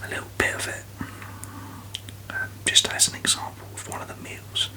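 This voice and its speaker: A person whispering an ASMR review very softly, with tingly mouth sounds and halting, unhurried phrasing. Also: low-quality recording. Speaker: ASMR video host.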